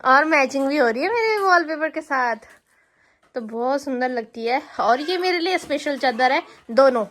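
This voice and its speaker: A woman's voice: high voice, lively intonation, moderate pace, fairly bright tone, slight background noise. A young woman, a mother vlogging at home, who chats to her viewers and coos at her baby in doting baby-talk. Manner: chatty asides to viewers. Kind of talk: casual home vlog.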